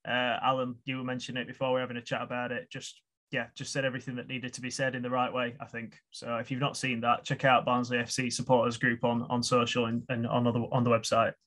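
A man's voice: mid-range voice, monotone, fast talker, fairly bright tone. A man hosting a casual football chat over a video call, earnest and rambling, often restarting his sentences. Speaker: podcast host.

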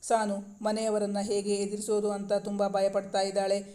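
A man's voice: high-pitched, completely flat delivery, normal speed, dark tone, lightly acted. A man reading aloud, voicing a tender, protective young man who soothes and reassures the woman he loves. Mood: calm. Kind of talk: storybook reading.

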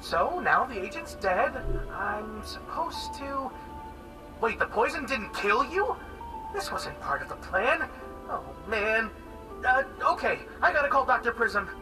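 A performer voicing a cheerful, polite robot butler turned assassin in a video game, chirpy and courteous even while threatening. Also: medium pitch, measured pace. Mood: flustered. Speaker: villain robot agent. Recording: distant voice over loud game music.

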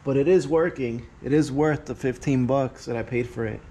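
A man vlogs a hands-on review of a tool while working on a car in a garage with the door open to the outside, filming on a head-mounted camera. He narrates casually in a mellow, mid-range voice at a moderate pace. A little hiss or hum is audible.

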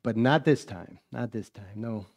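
A man's voice: on the low side, a little slow, vocal fry. Guy preaching in church, chatty storyteller, acts it all out. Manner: folksy storytelling, acts out scenes, chuckles often. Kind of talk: sermon.

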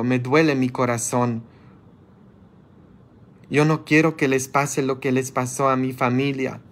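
A man preaching as a priest, scolding his listeners with fervor and breaking into sudden high-pitched outbursts. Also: fairly bright tone. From grew up as a child of immigrants. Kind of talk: sermon. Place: church, streamed live.

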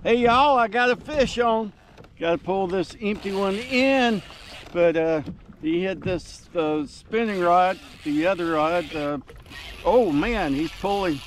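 A man's voice: high-pitched, slow pace, a little hiss or hum. Older man whooping from a kayak. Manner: excited whooping while fighting fish. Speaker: fishing vlogger. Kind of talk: casual narration while fishing. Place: kayak on a lake outdoors. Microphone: action camera mounted on kayak.

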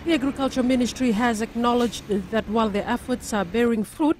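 A woman's voice: fairly high pitch, fairly quick, darkish tone, slight background noise. A woman reading a scripted news report. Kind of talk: scripted narration.

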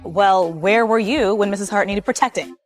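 An actress playing a vain, sharp-tongued witch who is fed up with everyone, her lines dry and cutting. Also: medium pitch, normal speed, close to an everyday voice. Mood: exasperated. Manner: sarcastic, cutting. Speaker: actor in a TV series. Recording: scene audio under faint music.

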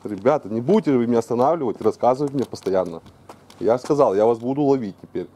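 A man's voice: mid-range voice, animated, rapid-fire, dark tone, slight background noise. A man filming himself as he questions officers on duty, insistent and pressing, repeating his demands. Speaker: blogger confronting police at a post. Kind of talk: confrontational street recording.

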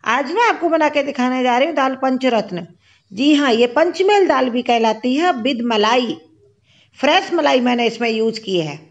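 A woman's voice: high voice, animated, normal speed, lo-fi sound. A woman hosting a cooking channel, explaining each step of a home recipe in a chatty voice-over from her kitchen.

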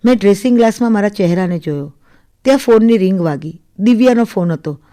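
Woman, story reader, first-person narration, intimate, expressive. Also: mid-range voice, fast talker. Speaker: reader of a serialized short story.

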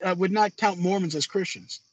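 A man co-hosting a casual religious discussion, quick and sarcastic, laughing at his own jokes. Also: high-pitched, breathy edge, no echo, rough recording. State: clearing his throat. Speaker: co-host.

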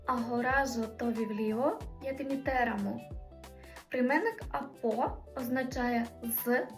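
A woman explains grammar patiently, pausing to spell out each example slowly and clearly. Her voice sits a little high, and the recording picks up the room with her set back from the mic. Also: reverberant, recorded from a distance, faint music behind. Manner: slow, careful spelling-out of Greek examples. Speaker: Greek language teacher.

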